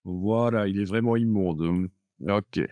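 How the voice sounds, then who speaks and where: A man's voice: on the low side, slow pace, darkish tone, no room sound. A man teaching a live Photoshop class, explaining steps patiently with many fillers like "euh" and "voilà". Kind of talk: live classroom software lesson.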